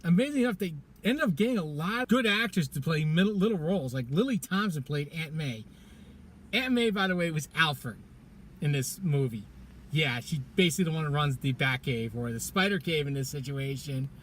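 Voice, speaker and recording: A man's voice: on the high side, expressive, moderate pace, slight background noise. A man giving a casual film review in a parking garage, chatting loosely, laughing often and stumbling over his words. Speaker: movie reviewer.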